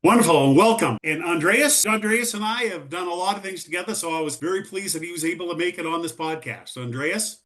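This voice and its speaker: A man hosting a science podcast interview, upbeat and welcoming, slowing down to stress key words. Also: high voice, lively intonation, fairly bright tone. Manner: upbeat, welcoming, slows for emphasis. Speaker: podcast host and journal editor.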